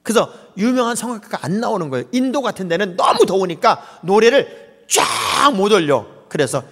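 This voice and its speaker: A man's voice: high voice, sing-song, moderate pace, a bit bright. A middle-aged male pastor preaching a humorous sermon, joking with the congregation and mimicking dialects. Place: large church sanctuary. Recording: long reverb in a church hall.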